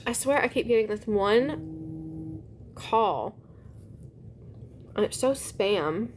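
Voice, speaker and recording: A woman, chatting upbeat with live viewers while she eats lunch. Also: mid-range voice. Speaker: live-stream host. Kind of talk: casual live-stream chat while eating.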